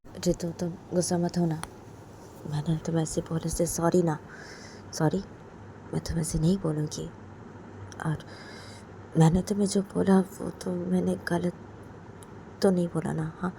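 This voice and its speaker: A woman performing an intimate romantic role-play monologue, talking softly and coaxingly, often sinking to a whisper. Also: fairly low pitch, steady tone, unhurried, long pauses, slight background noise. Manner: soft, pleading and coaxing, often dropping to a whisper.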